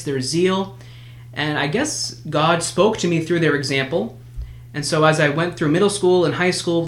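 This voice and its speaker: A man from New Hampshire speaking as a priest in a podcast interview. His voice sits a little high for a man, and he talks in steady, fluent, sincere sentences. The space around him is roomy and echoey. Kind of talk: casual conversational storytelling. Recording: roomy echo.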